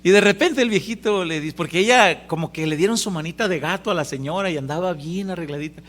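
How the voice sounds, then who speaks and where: A man preaching a Sunday sermon in a folksy, joking way, getting loud when he stresses a point. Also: high voice, quick pace. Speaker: pastor. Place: church service.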